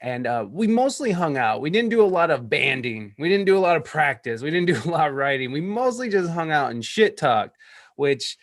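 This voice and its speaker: A man in his thirties, a podcaster who is a guest on a call, talking in a rambling, energetic way with stammered restarts. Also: on the high side, normal speed, no echo, studio quality. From California. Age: 30s. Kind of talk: casual interview chat. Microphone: podcast microphone.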